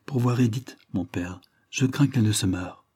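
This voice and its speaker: A man's voice: on the low side, normal speed, a little mellow, breathy edge, dry recording, clean studio sound. A man reading aloud, voicing a distressed young woman who begs her father through tears. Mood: pleading. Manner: tearful, imploring, voice raised.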